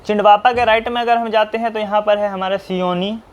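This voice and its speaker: A man's voice: high-pitched, steady tone, fairly quick, smooth, muffled recording. A man teaching how to draw a map. He keeps asking himself short questions and answering them, and he spells names out letter by letter. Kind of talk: map-drawing tutorial.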